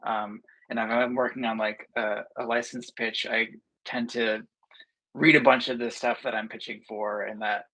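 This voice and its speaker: A man, a guest comic book writer, answering thoughtfully in a podcast interview with many pauses and fillers. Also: mid-range voice, level tone, bright, forceful tone, low-quality recording. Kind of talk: casual podcast interview talk.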